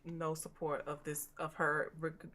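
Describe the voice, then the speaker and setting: A woman co-hosting a casual political talk show, agreeing with quick interjections. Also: low voice, monotone, fairly bright tone.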